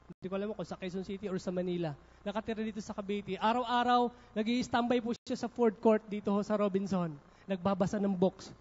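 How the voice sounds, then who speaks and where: A male pastor preaching a sermon at a church service, telling personal stories with frequent asides to the congregation. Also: high-pitched. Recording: dull lo-fi livestream recording.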